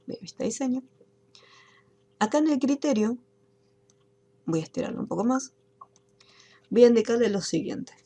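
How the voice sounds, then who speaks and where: A woman teaching an online class, explaining software steps patiently one by one. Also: a little high, animated, normal speed, long pauses. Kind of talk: screen-recorded software tutorial.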